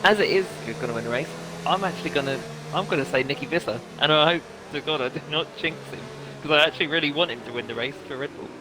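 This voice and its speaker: A man's voice: on the high side, quick pace, noisy background. Giggly male co-commentator. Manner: giggly, playful. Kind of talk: casual amateur race commentary.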